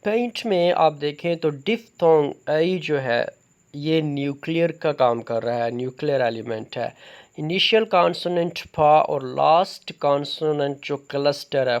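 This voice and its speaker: A man delivers a lecture on syllable structure. He speaks slowly and deliberately in a slightly raised pitch, pausing on fillers as he explains each point. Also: muffled recording. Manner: slow, deliberate, with frequent fillers. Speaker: teacher.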